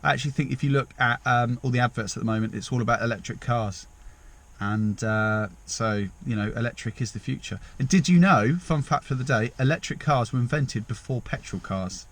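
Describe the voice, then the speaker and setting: A man's voice: medium pitch, a little fast, fairly bright tone. A young man from England, rambling chattily and self-deprecatingly in a casual vlog. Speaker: vlogger.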